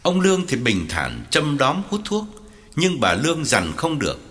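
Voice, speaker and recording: A man narrating an audiobook in scripted narration with an expressive delivery. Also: medium pitch, normal speed.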